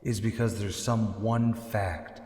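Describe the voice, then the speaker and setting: The Shadow, slow and cavernous. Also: male voice, fairly low pitch, steady tone, darkish tone. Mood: commanding. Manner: slow, menacing, theatrical. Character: mysterious invisible male avenger lurking in shadows. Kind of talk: old-time radio drama acting. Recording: echoey, long cavernous reverb.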